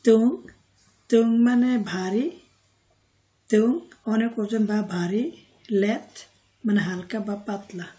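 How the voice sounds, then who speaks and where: A woman gives a vocabulary lesson at a very slow, deliberate pace. Her voice is dark and mellow, and she says each word and its meaning one at a time. She pauses on fillers and corrects herself now and then. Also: mid-range voice, steady tone. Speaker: language teacher.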